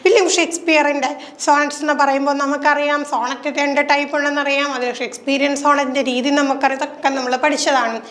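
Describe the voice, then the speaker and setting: A woman from Kerala, speaking with a Kerala accent, coaches exam candidates. She explains in chatty Malayalam, asks rhetorical questions and reads the English answers out slowly. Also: high-pitched, flat delivery, fairly bright tone.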